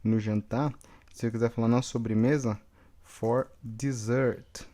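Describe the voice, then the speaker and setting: A man's voice: mid-range voice, fairly even intonation, measured pace, warm tone. A man from Brazil with a Brazilian Portuguese accent teaching English vocabulary, repeating each word and checking in with the class. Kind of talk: bilingual vocabulary lesson.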